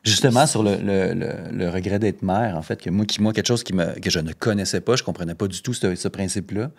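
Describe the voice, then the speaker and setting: Fast-talking Québécois man. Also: deep voice, husky. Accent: Québécois French. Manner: quick, storytelling, often trails off softly. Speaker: guest, playwright. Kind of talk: casual podcast chat.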